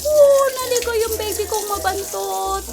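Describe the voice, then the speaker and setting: A woman's voice: very high-pitched, measured pace, vocal fry. A woman talking baby talk to her pet, coaxing and cooing in a sing-song way. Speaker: pet owner. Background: music.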